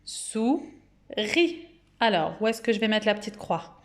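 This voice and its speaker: A woman with a French accent giving a phonics lesson to young children at home, speaking patiently and clearly and drawing out each word's syllables. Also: mid-range voice. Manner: slow, clear, patient, syllables drawn out and repeated. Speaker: kindergarten teacher.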